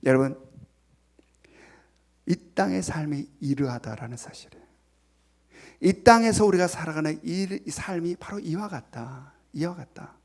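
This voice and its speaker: A man preaching a Sunday sermon as pastor, retelling a parable dramatically and dropping to hushed near-whispers for emphasis. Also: fairly high pitch, expressive, a little slow, long pauses. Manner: retells a parable with voiced quotes. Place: church sanctuary.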